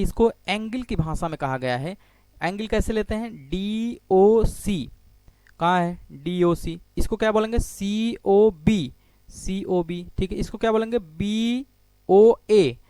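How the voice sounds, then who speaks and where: A man's voice: sits high, moderate pace, a little mellow, clean tone, no room sound. A man teaching a maths lecture for exam preparation. He asks questions and answers them himself, and he says "ठीक है" again and again. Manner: repeats "ठीक है" often while explaining on a board. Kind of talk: exam-prep geometry lecture.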